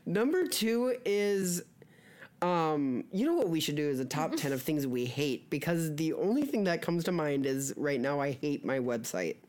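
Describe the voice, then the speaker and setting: A woman's voice: low voice, animated, moderate pace, darkish tone. A woman co-hosting a podcast with casual, rambling, playful chat. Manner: playful, jokey, scattered. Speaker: podcast co-host.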